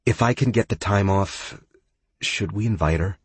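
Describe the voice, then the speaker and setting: An irritated young woman who snaps short replies with barely hidden annoyance, as a male narrator puts her on. Her voice is lifted a little above his own and stays somewhat husky. It is recorded close and dry. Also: lowish voice, normal speed, no room sound. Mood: hesitant. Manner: terse, frustrated, snappish.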